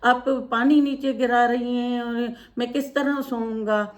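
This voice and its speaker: A woman's voice: fairly high pitch, fairly even intonation, a little slow, lightly acted. A woman voicing an impatient, irritable grown son who scolds his mother, in a retold moral story. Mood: annoyed. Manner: scolding, annoyed.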